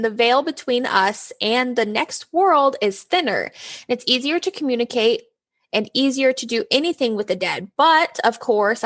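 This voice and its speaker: A woman's voice: on the high side, fairly bright tone. A woman co-hosting a casual podcast who giggles often and fills in with "mm-hmm" backchannels while she talks through her notes. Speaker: podcast co-host. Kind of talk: casual chat.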